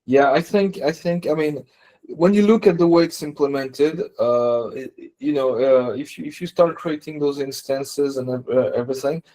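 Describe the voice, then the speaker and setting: On a team call, a male software developer talks through technical points in a casual, tentative way. His voice is a little high and his pace moderate.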